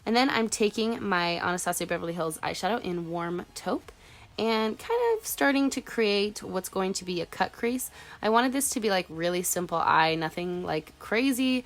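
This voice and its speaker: A beauty vlogger voices over her makeup tutorial at a moderate pace and medium pitch. She's a young woman in her twenties with a cold-clogged voice, chatting casually and leaning on "like."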